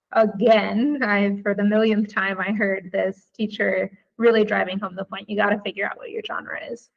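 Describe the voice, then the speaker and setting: A woman from the Chicago area talks as a podcast guest, reflective and friendly, with an occasional um. Her pitch sits in the middle range. The audio is a little dull. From United States, Chicago area. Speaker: guest author. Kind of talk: casual podcast interview.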